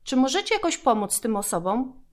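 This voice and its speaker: A woman doing a calm emergency dispatcher. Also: high-pitched, brisk, voice pushed up. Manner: calm, instructive.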